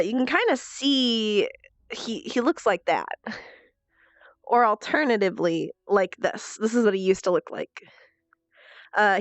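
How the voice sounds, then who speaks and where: A woman's voice: mid-range voice, clear, resonant tone, dry recording. A woman with a nasal, stuffed-up whine, chatting casually and expressively on a livestream in a playful, self-mocking way. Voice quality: nasal, congested. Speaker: livestreamer and role-player.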